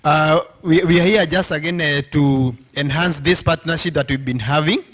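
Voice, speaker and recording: A man's voice: a little high, normal speed, fairly bright tone. A man with a Kenyan accent giving an informal presentation to a group, often checking in with listeners as a representative speaker. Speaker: bank representative presenting to union members. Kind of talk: informal presentation mixing English and Swahili.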